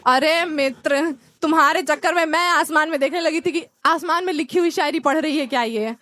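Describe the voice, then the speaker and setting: A young woman from India performs stand-up comedy in with a tinge. Her voice sits high, and she tells her stories in a lively way, slipping into impressions of family and friends. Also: fairly quick, no echo. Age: young adult. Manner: lively storytelling, acts out relatives and friends.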